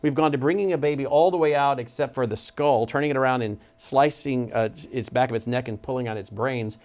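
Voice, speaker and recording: Speaking at a studio desk, a talk show host interviews his guest in a medium-pitched, darkish voice. He talks a little fast and with real emphasis, the urgency and intensity building as he goes.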